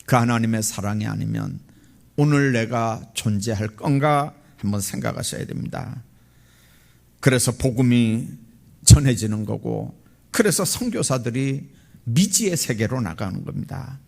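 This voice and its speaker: Gravelly, animated male preacher. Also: unhurried. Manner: impassioned preaching with big swells in pitch and volume. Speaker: pastor. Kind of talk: sermon. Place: church sanctuary.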